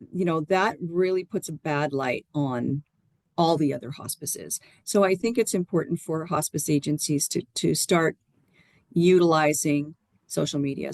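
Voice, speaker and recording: A woman's voice: deep voice, darkish tone, no room sound. A woman giving earnest, explanatory answers as a guest in a conversational interview. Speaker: podcast guest, hospice nurse and educator.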